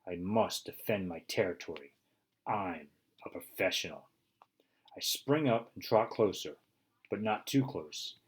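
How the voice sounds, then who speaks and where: Male audiobook reader, low husky voice, expressive first-person storybook narration. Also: normal speed. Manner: expressive, with bursts of high excitement.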